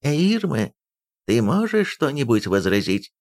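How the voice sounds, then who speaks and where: A man voicing a haughty, stern noble housekeeper who speaks loudly and nasally in a commanding way. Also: mid-range voice, very animated, unhurried, pitched above the performer's own voice. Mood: pompous. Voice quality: loud and nasal. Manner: imperious, commanding.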